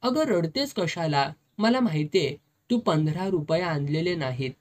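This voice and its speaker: A reader voicing a drunk, lecherous, domineering officer who slurs his words and shouts, in a storybook reading. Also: medium pitch, expressive, measured pace, lightly acted. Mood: leering. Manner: slurring, bullying, shouts.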